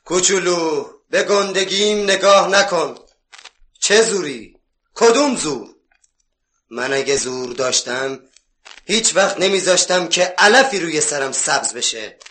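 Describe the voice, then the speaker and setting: Casting: a gruff storybook mountain, loud and bright, old radio play. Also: male voice, a little high, animated. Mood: angry. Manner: bellowing, bad-tempered. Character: huge grumpy male mountain.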